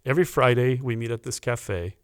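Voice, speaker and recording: A man, a guest on a podcast, telling a personal story in a casual, animated way, often stopping to restart a phrase. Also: medium pitch, a little fast, smooth, no echo. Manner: animated anecdote teller with restarts.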